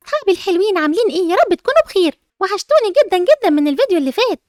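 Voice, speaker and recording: A chirpy, upbeat Egyptian teenage girl with a very high voice, voiced by a woman. She speaks very fast, recorded close and dry. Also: big pitch swings, no room sound. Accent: Egyptian Arabic. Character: cheerful, cool-headed teen girl.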